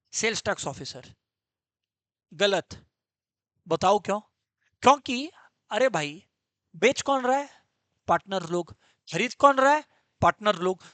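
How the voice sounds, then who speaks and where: A man teaching a live online law class, energetic, repeating key points and firing questions at his students. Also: high voice, no room sound. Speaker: commerce teacher.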